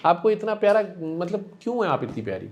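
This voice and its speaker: A man counseling a patient in a gentle, coaxing and affectionate way, repeating himself warmly. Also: high-pitched, big pitch swings. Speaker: spiritual healer counseling a patient. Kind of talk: one-on-one counseling session.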